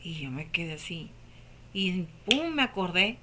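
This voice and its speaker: A woman telling her personal religious testimony in an emotional, hushed storytelling manner that sometimes drops to a whisper. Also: on the low side, sing-song, unhurried, background noise.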